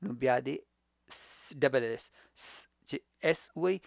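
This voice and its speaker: An English teacher from Khyber Pakhtunkhwa, Pakistan, delivers a relaxed grammar lesson at a very slow pace, repeating words again and again. His medium-pitched voice is gravelly and creaky. The audio is dry and close-miked, with no echo or room sound.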